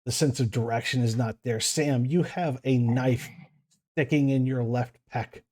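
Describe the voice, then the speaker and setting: Male game master, medium-pitched, narrating tabletop role-play and prompting players. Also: fairly even intonation, measured pace, darkish tone.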